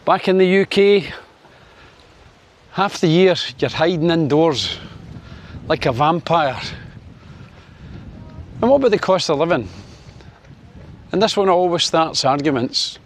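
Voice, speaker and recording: Unhurried and given to long pauses, a sixty-something vlogger from Scotland shares his opinions to camera with lively intonation. His style is chatty, wry and heavy on fillers, and his pitch climbs when sunny Spain comes up.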